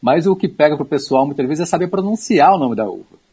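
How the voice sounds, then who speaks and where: A man's voice: on the high side, animated, quick pace, warm tone, slightly rough. A man talking about wine on a radio show, explaining things in an easygoing way with small asides.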